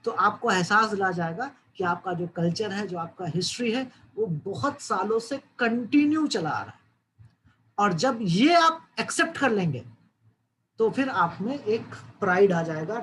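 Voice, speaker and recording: A man's voice: high voice, lively intonation, normal speed, fairly bright tone, slight background noise, poor audio. A man from Uttar Pradesh giving an online social science lecture, explaining step by step and often checking that listeners follow. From Uttar Pradesh, India. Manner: dry asides, jokes then says not to take it seriously.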